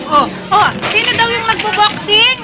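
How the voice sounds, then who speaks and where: High-pitched coaxing woman on a busy street. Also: normal speed. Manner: coaxing, playful prompting. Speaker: parent filming her child. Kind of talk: home video, coaxing a toddler. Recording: loud street noise and crowd chatter.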